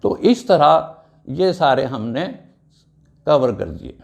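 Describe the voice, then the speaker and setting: A man teaching an English grammar lesson, spelling out words letter by letter in a slow, deliberate way. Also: mid-range voice, big pitch swings, vocal fry, a little mellow.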